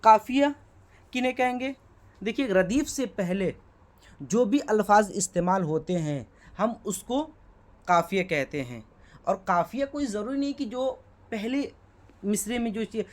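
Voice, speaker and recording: Man teaching, quizzing himself aloud. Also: sits high. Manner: keeps asking rhetorical questions and checking with "okay"; spells words out letter by letter. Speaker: Urdu teacher. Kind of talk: exam-prep lesson explaining Urdu poetry.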